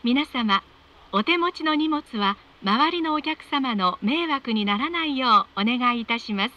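A woman reading scripted train announcements in a polite, measured, formal way. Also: high-pitched, animated, pushed and bright, dull audio.

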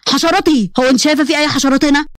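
A woman voicing an exasperated, stern young man in an animated story, with an Egyptian accent. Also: high-pitched, very fast, no echo, clean studio sound, natural voice. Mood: irritated. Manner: irritated, stern.

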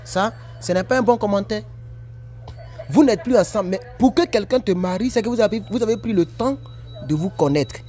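A man's voice: high-pitched, normal speed, faint music behind. A man, reacting to comments in a casual, preachy vlog from his work break. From Ivory Coast. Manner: animated, repetitive, preachy.

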